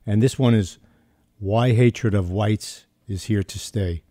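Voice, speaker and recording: A man's voice: fairly low pitch, slow, mellow, no room sound, studio quality. A man hosting a talk radio show, friendly and plain-spoken.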